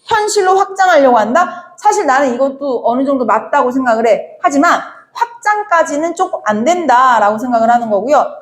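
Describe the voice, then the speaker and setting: Brief: young woman teacher with a bright, high voice, chatty exam-prep lecture, quizzes students as she goes. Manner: brisk, chatty, asks students rhetorical questions; acts out quoted lines in playful voices. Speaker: Korean literature teacher. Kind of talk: exam problem walkthrough lecture.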